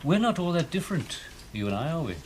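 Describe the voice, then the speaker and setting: A middle-aged detective in a 1970s TV police drama, probing a suspect with calm, coaxing patience that hardens into pressure. His pitch swings freely. The recording carries a faint hiss. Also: quick pace.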